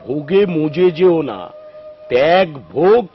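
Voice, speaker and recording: A fervent, gruff holy man. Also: on the high side, expressive, slow pace. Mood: gruff, preaching. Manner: gruff and blunt with followers, pleading cries to the Mother. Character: wild, fervent male ascetic holy man. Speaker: wandering ascetic saint. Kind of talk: devotional film acting. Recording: dull lo-fi film soundtrack with music.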